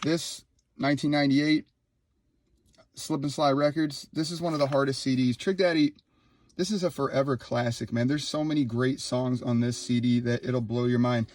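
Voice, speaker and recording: A man in his thirties, from Ohio, filming a casual vlog in his laundry room on a handheld phone, excited and rambling. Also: medium pitch, normal speed. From Ohio, USA. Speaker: YouTuber. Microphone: handheld phone, no tripod.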